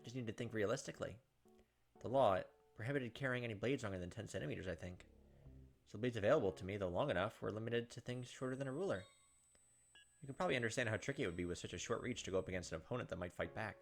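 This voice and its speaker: The game's background music accompanies a man reading a visual novel's narration aloud on his gaming channel, with his own brief asides mixed in. His voice is lowish with vocal fry, and he races through the lines.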